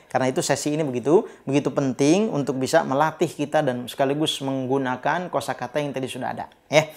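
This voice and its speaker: A man with an Indonesian accent teaching Arabic words on a children's TV program, speaking slowly and repeating himself with many small "ya" fillers. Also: on the high side. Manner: repetitive, many filler "ya", drawn-out Arabic examples. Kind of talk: slow, patient TV lesson for children.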